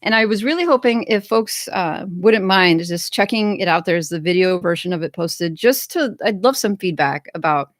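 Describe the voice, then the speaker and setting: Low-voiced upbeat woman hosting a livestream. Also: expressive, moderate pace, hardly any pauses, no echo, studio quality. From United States. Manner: chatty, upbeat, reads chat comments aloud. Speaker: livestream host. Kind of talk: casual livestream chat.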